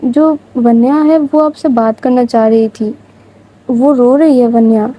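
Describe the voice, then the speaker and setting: Woman doing a gentle older housekeeper. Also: on the high side, steady tone, dull audio, close to an everyday voice.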